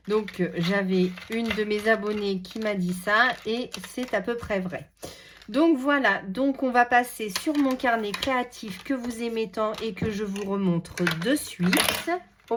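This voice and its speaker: A woman hosting a casual crafting tutorial, chatting with frequent hesitations while she handles paper and stickers. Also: lowish voice. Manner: chatty, hesitant with many fillers, talks while handling materials. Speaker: crafting video host.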